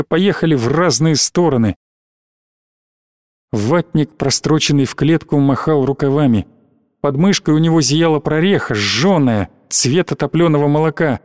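A man narrating an audiobook in a steady, dramatic reading style. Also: fairly high pitch, no room sound, studio quality.

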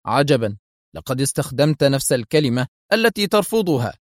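A cool, sardonic male secret agent, read by a narrator in nearly his own voice. His lines are curt and mocking, delivered at a steady middle pitch. The audiobook sound is close and dry. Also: brisk, dry recording, close to an everyday voice. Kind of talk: audiobook character voice.

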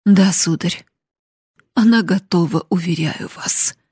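A frail, sick older mother cries out in a slow, husky voice, as a woman reader puts her on. The recording is dry and close. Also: fairly low pitch, a little mellow, no room sound. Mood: frantic. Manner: crying out.

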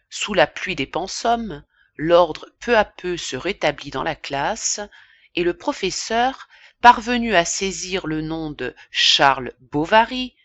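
A woman narrating a classic novel as an audiobook, in a measured, expressive reading. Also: lowish voice, no echo, muffled recording. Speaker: audiobook reader.

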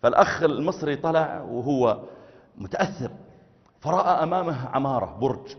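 A man's voice: medium pitch, animated, brisk. Echoing male preacher. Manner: storytelling, swings between loud and soft. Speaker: preacher giving a lecture. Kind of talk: sermon lecture with anecdotes. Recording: echoey hall, dull lo-fi sound.

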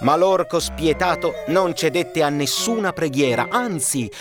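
A man narrating a fairy tale, expressive and dramatic. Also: on the high side, a little slow. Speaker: storyteller. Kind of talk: storybook narration. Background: background music.

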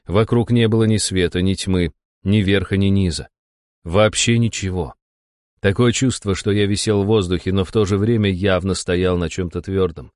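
Guy reading a story in first person, wry and measured, dry close mic. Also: deep voice, fairly even intonation, darkish tone, no room sound. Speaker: audiobook narrator. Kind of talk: first-person scripted narration.

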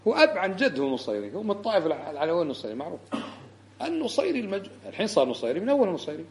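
Animated, fast-talking male religious lecturer. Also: high voice, slight background noise. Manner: animated and indignant, rising sharply for emphasis. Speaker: Islamic scholar giving a lesson.

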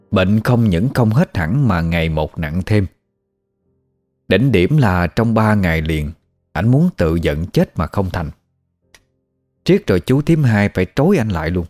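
A man's voice: deep voice, a little mellow. A man with a Southern Vietnamese accent narrating a ghost story in a conversational, folksy way. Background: faint music.

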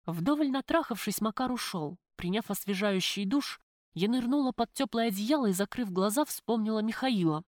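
Brief: woman narrator, first-person audiobook, medium pitch, even storytelling, close dry sound. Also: normal speed, dry recording.

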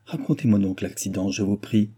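A man's voice: on the low side, brisk, dark tone, slightly rough. A man voicing a scheming noble countess who speaks with false, honeyed politeness. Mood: sugary.

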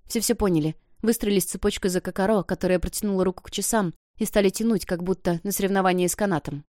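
A woman narrating an audiobook in an expressive, emotional reading. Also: medium pitch, fast talker, no room sound, studio quality. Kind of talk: scripted narration.

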